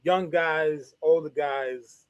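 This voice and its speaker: A man's voice: a little high, very slow, clean tone, no room sound, lo-fi sound. A man from New York co-hosting a casual talk show, speaking in a laid-back, wry, thoughtful way. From New York, USA.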